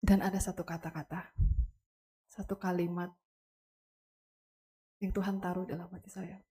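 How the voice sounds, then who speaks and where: A young woman stands before a congregation at a memorial service and gives a personal testimony. Her voice is husky and mellow, her delivery earnest and halting, and she speaks directly to her listeners. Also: lowish voice, flat delivery. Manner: earnest, halting, addresses listeners as Bapak Ibu. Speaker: family member giving a testimony at a memorial service. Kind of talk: emotional spoken testimony to a congregation.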